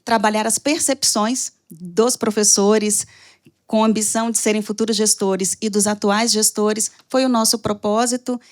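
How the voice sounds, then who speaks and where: A woman from Brazil with a Brazilian accent, speaking formally and with hesitant pauses as an institute's representative at an event opening. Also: mid-range voice.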